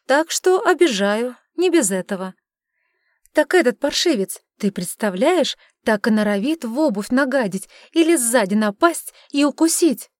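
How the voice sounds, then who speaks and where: A woman voicing a sharp-tongued, sarcastic witch in an audiobook, scolding and mocking. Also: on the high side, animated, moderate pace, dry recording, clean studio sound, voice pushed up, lightly acted. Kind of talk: audiobook character reading.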